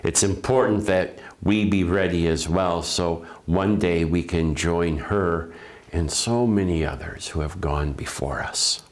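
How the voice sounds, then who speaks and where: Slow, deep-voiced priest giving a homily. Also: male voice. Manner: slow, gentle and reflective, with restarts. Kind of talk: funeral homily.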